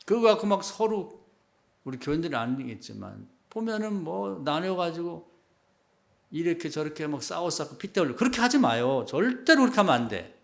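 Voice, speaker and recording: A middle-aged man preaching a sermon as pastor, in a conversational style that rises to loud emphatic peaks and drops to quiet asides. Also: sing-song, fairly quick, gravelly. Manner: conversational preaching, acts out quoted remarks in a low hushed voice.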